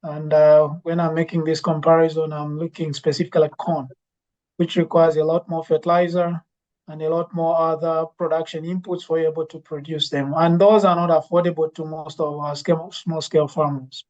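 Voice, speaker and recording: A woman gives a conference presentation as a university lecturer and plant breeder, pausing often on fillers and restarting her sentences. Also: low-pitched, little pitch movement, a little mellow. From Zambia. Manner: hesitant, many fillers and restarts. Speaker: university lecturer and legume breeder giving a talk. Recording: dull lo-fi recording.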